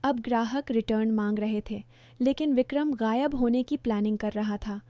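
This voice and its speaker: Calm middle-aged woman storyteller. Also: fairly high pitch, normal speed, dry recording. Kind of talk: first-person story narration.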